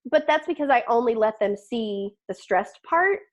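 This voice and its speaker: A middle-aged woman guest talking business and family in a lively, chatty way, slipping into quoted voices and laughing along. Her voice sits a touch high for a woman. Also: moderate pace, dull audio. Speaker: podcast guest, marketing business owner. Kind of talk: casual interview chat.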